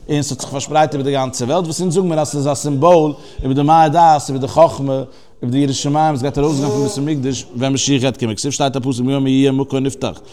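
A man's voice: medium pitch, fairly even intonation, fast, mellow. A man teaching a religious text, explaining its Hebrew terms phrase by phrase in a conversational way. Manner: conversational, with restarts and fillers. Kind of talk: text study lesson.

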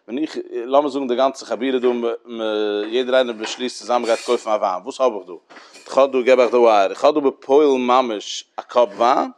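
A man at a mid pitch giving a religious study lecture. He talks things through with repeated phrases and homely examples, and sprinkles English terms into his explanations. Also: fairly quick, a little hiss or hum. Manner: repetitive, explaining with everyday examples. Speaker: Talmud teacher.

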